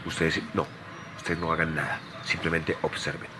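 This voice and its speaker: A Colombian actor playing a brash, slangy neighborhood man in a sitcom, theatrical and drawn-out. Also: a bass voice, flat delivery. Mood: bickering. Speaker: sitcom character. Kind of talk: sitcom acting. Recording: sitcom clip under loud music.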